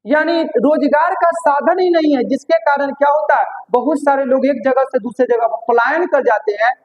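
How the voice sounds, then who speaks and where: A man's voice: very high-pitched, moderate pace, rough recording. A man with a Bihari accent lecturing a classroom, repeating each point as a question and coaxing and teasing his students. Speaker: teacher.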